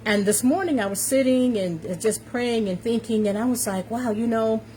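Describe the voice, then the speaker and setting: A fifty-five-year-old woman from New York City with an American accent speaks at normal speed in a high-ish voice, on poor audio with steady fan noise in a warm indoor room. A confidence coach hosting a casual livestream, she chats with viewers upbeat and emphatic, often repeating her phrases.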